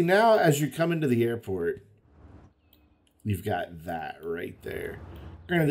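Gravelly man chatting through a city-builder. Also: on the low side, darkish tone. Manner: thinking aloud, chatty, mildly exasperated at the game. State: has the hiccups. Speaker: gaming video host. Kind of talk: casual gameplay commentary.

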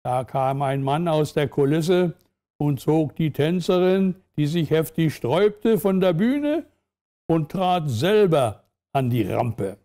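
A man hosting a literature talk show, speaking deliberately with fillers and reading a passage aloud. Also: fairly high pitch, animated, dark tone.

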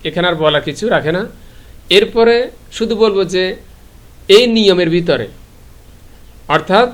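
A Bangladeshi man with a fairly high voice teaches a live online grammar class. He poses a question, waits a beat and answers it himself, spelling words out letter by letter as he goes.

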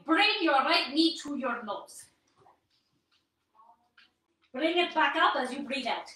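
High-voiced woman in a stilted persona voice. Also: sharp tone, heavy reverb, distant mic, poor audio. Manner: encouraging, coaxing the viewers. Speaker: workout instructor. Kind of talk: live-streamed yoga core workout.

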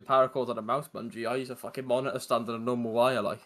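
A man with a husky voice who trades blunt, swearing banter during gaming chat. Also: medium pitch, level tone, rapid-fire.

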